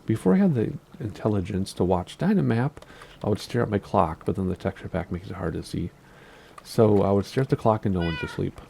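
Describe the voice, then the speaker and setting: Gravelly low-voiced Minnesotan man. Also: mellow, slight background noise. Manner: rambling, asks himself questions aloud. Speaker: Minecraft YouTuber giving a base tour. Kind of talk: casual gameplay commentary.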